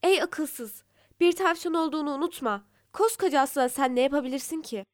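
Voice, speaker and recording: A woman's voice: high-pitched, expressive, brisk, voice pushed up. A woman doing a frightened chorus of animals. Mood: scolding. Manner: scolding, anxious. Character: frightened crowd of meadow animals.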